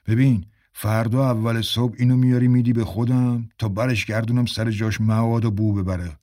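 A man's voice: medium pitch, steady tone, mellow, no echo, studio quality, lightly acted. A man doing Bud, a friendly cautious man. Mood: confiding.

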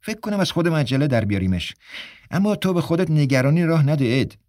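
A man's voice: on the high side, animated, a little mellow, no room sound, lightly acted. A cocky, wisecracking editor, played by a man, tosses off lines in a breezy, joking way. The sound is close and dry, like a studio radio play. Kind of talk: radio drama acting.

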